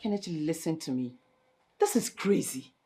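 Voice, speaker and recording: An actress playing a level-headed friend who questions and challenges a scheming wife. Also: female voice, sits low, animated, moderate pace, dark tone, a little hiss or hum. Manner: reasoning, challenging. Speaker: concerned friend.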